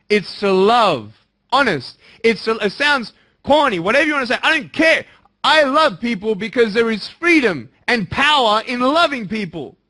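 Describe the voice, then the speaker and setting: A young man giving an emphatic motivational speech to students, swinging between bold declarations and hushed, earnest appeals. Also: extremely high pitch. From Australia. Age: young adult. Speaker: motivational speaker.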